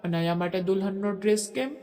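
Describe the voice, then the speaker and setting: A man voicing an obsessive, possessive young man in a storybook drama, forceful and speaking through gritted teeth. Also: sits high, fast talker, faint music behind. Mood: angry, desperate. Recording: echoey long reverb.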